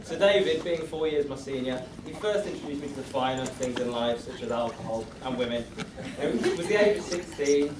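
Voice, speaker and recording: A man's voice: medium pitch, a little fast, hardly any pauses. A man giving a scripted wedding toast as best man, joking in a self-deprecating way. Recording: echoey room, distant mic, noisy venue.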